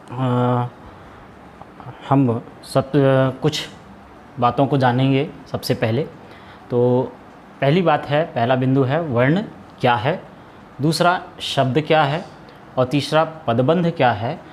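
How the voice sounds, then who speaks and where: A man's voice: mid-range voice, slow, pauses often, a little hiss or hum. A man teaching a Hindi grammar lesson, asking questions and then answering them himself, with frequent hesitations and restarts. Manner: explains step by step, asks and answers his own questions. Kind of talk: classroom lesson.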